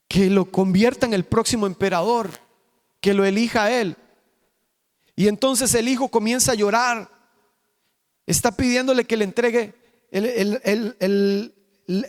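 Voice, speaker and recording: A male pastor preaching a sermon, emphatic, firing rhetorical questions and stretching out key words. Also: sits high. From Costa Rica. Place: church sanctuary. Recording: reverberant church hall.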